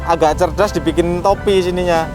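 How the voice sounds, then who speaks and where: Higher-pitched man explaining over music. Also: fairly even intonation, a little fast, rough recording. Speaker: car audio expert giving tips. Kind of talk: casual explanatory chat. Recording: loud music under the talk.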